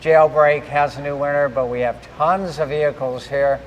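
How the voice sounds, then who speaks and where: A man with a slightly high voice hosts a live giveaway show from a reverberant space. He delivers shout-outs and recaps like an announcer, with some faint noise behind him. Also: fairly even intonation, moderate pace, highs cut off. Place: large garage with a stage. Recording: echoey hall with faint background noise.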